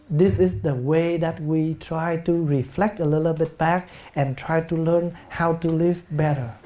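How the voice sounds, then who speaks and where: A Buddhist monk, a man with a Vietnamese accent and Vietnamese as his first language, giving a gentle, plain-spoken dharma talk in English and acting out family scenes with humor. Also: high-pitched, highs cut off.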